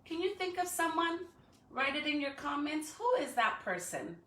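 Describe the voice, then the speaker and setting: An elementary school staff member hosts a live-streamed read-aloud, her high, sing-song, slightly bright voice at a moderate pace. She encourages the young children, often asking rhetorical questions and "right?", before reading a storybook. She sits far from the mic in a roomy, echoing space.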